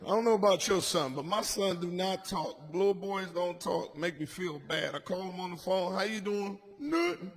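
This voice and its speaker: A man from Washington, D.C., doing a stand-up comedy set on a club stage, loud, dropping low and mumbling then shouting his punchlines. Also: moderate pace, few pauses. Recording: live club recording with ambient noise.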